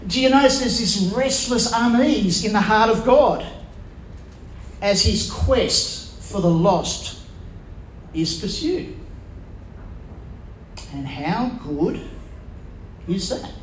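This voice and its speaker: A man with a high voice preaches a sermon and keeps turning to his listeners with questions. He lets pauses carry his emphasis. The sound is roomy and echoey, with a faint hum of ambience behind him. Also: lively intonation.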